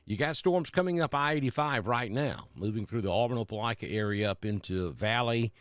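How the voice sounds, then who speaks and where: A man's voice: lowish voice, expressive, fairly quick, dry recording, studio quality. A middle-aged man from Alabama, chatting casually on a live weather stream and greeting viewers by name. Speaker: weather broadcaster.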